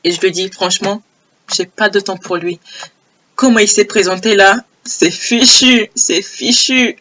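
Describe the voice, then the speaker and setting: A young woman with a hoarse, low voice telling a personal story in a casual, animated way, repeating phrases for emphasis. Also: moderate pace. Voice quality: low broken voice. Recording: old homemade audio.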